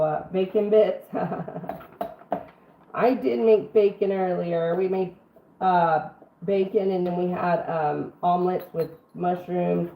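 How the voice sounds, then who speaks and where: A roomy, phone-like recording carries a middle-aged woman's slightly low voice. She sounds rough and under the weather, clearing her throat as she chats casually through a live cooking stream in her kitchen. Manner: folksy, chatty, addresses viewers by name. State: sick for two weeks, throat-clearing. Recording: roomy, band-limited phone-like stream, faint noise.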